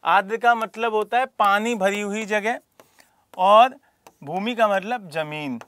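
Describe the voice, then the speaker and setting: Speaking slowly, a man leads a geography class geared toward an exam, throwing out rhetorical questions and naming students to answer. His voice is high and slightly bright, captured in clean studio sound with no echo.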